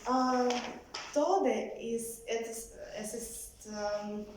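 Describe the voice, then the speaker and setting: A woman's voice: a little high, very echoey, background noise. Hesitant woman. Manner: hesitant, halting English with many fillers. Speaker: singing student. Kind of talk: repeating words in a diction lesson.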